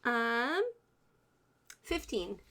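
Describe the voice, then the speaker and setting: A woman's voice: fairly high pitch, big pitch swings, very slow, sharp tone. A woman talking casually as a player in a tabletop role-playing game.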